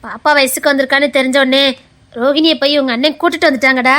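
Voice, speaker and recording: A bossy, caring elder sister-in-law, played by a woman with a Tirunelveli accent in a web drama. Her voice sits very high and bright, and the lines come quickly. She scolds in a brisk but motherly way. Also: fairly even intonation. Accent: Tirunelveli Tamil. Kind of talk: web series acting.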